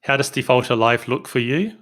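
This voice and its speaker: A New Zealand-accented man hosts a podcast interview, his voice bright and forward at a mid pitch. He asks his questions in a friendly, direct way. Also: lively intonation, a little fast. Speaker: podcast host. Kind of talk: casual interview conversation.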